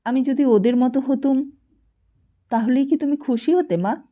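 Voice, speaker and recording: Earnest young son pleading with his mom, a woman reading him, slow, lo-fi sound. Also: high-pitched, voice pushed up. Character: earnest young man questioning his mother. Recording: dull lo-fi recording.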